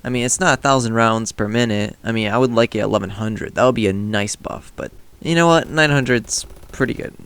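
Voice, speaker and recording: A man's voice: mid-range voice, brisk, fairly bright tone, clear, resonant tone. A man giving a casual, offhand video game review in a rambling, noncommittal way.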